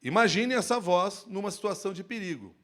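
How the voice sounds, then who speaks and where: A man speaking on stage at a workplace safety event, giving an expressive live lecture into a handheld microphone. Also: high-pitched, brisk. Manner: animated, expressive, shifts tone to demonstrate.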